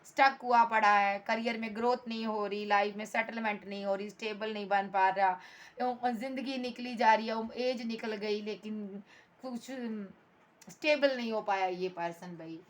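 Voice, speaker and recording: A woman's voice: mid-range voice, steady tone, moderate pace. A woman giving a tarot reading to her viewers, blunt and emphatic, scolding the absent partner and calling the listener "bhai" and "darling". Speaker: tarot reader.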